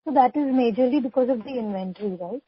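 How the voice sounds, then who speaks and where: Speaking as an analyst on a business call, a woman with an Indian accent politely puts questions to company executives. Her voice is a little high, slightly rough and quick. The audio comes over a conference call line and sounds dull and lo-fi.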